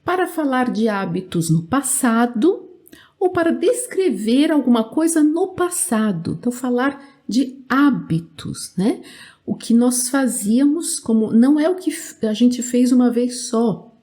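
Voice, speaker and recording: Slow-speaking Brazilian woman teaching. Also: fairly high pitch, animated, warm tone. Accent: Brazilian Portuguese. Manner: slow and clear, repeats "né?" often, drills conjugations for learners to repeat. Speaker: Portuguese teacher. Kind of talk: language lesson.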